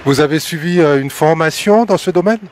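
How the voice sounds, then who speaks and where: A male radio interviewer with a slightly raised pitch. He asks his questions haltingly, pausing on fillers between words. His voice sounds plain and conversational.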